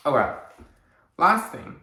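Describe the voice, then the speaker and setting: A man's voice: slow pace, sharp tone. A young man talking casually in a vlog, rambling and saying "like" constantly while acting out friends' mocking voices. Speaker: vlogger. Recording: echoey room.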